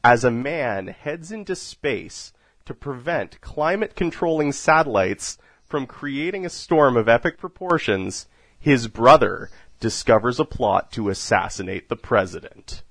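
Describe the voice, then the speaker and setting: A man hosts a casual movie podcast in a lively, animated voice that swings widely in pitch. He jokes and laughs often between points. The sound is dry and close. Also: a little slow, no echo. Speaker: podcast host. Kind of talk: casual film podcast chat.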